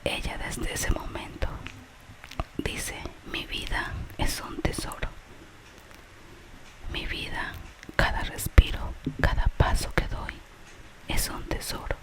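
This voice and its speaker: Entirely in a whisper, with no full voice, an ASMR narrator tells a gentle story at a very slow, leisurely pace, easing softly toward its moral. The audio is poor.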